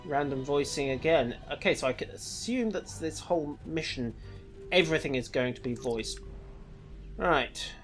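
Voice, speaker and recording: A man's voice: a little high, animated, moderate pace, fairly bright tone, soft background music. A man casually commenting on his gameplay with dry, wry asides. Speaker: let's play host.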